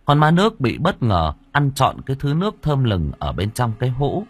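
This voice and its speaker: A man reading a story aloud with dramatic, lively narration. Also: mid-range voice, moderate pace, breathy edge. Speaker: audiobook narrator. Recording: faint background music.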